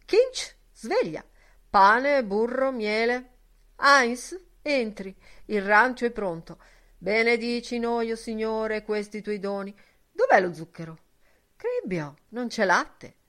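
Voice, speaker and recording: A woman reading an audiobook, voicing a brash, mocking young man who talks loudly and theatrically. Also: a little high, lively intonation, slow, pitched above the performer's own voice. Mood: boisterous, exclamatory. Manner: loud, theatrical, teasing.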